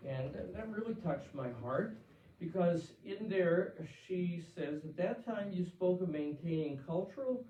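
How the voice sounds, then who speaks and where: Responding to letters from listeners, an elderly Pennsylvania pastor talks conversationally, restarting often and using fillers. His voice sits fairly high and sounds mellow, though the recording is distant, roomy and dull.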